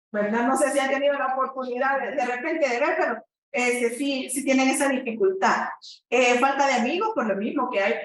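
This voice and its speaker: A woman therapist giving a lecture, explaining at length and often checking in with the audience. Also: a little high. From El Salvador. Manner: explanatory, frequent "¿verdad?" tags and fillers. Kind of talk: teaching presentation. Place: lecture room. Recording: echoey room, voice far from mic.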